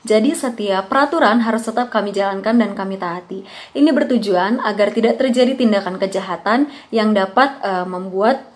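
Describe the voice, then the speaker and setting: A woman's voice: medium pitch, lightly acted. A woman playing a patient bank officer in a role-play, with a formal, apologetic customer service voice.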